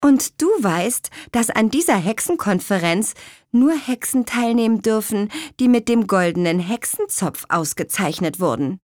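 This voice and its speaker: A woman voicing a young female apple witch in a storybook reading, speaking high, bright and eager. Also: big pitch swings, moderate pace, husky, no echo, clean studio sound. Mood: snippy.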